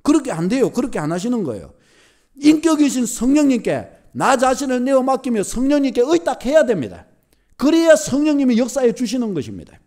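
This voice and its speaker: A man's voice: very high-pitched, sing-song, a little fast, a little mellow. A male pastor with a Gyeongsang accent, preaching a sermon emphatically, repeating his points and using homely everyday examples. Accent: Gyeongsang Korean.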